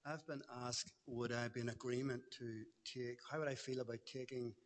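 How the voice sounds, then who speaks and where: A man standing up in the audience to ask a question, hesitantly rephrasing it as he speaks. His delivery stays flat, and a long hall reverb trails behind him. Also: medium pitch, moderate pace. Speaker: audience member asking a question. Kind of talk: question from the floor.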